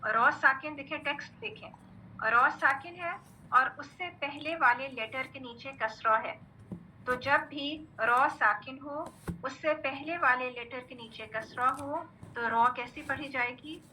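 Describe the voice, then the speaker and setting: A woman teaching Quran recitation, patient and methodical, drilling letter sounds slowly and checking in with her class often. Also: high voice, bright, forceful tone, a little hiss or hum, low-quality recording. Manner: patient, repeats "theek hai" often. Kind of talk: online tajweed lesson.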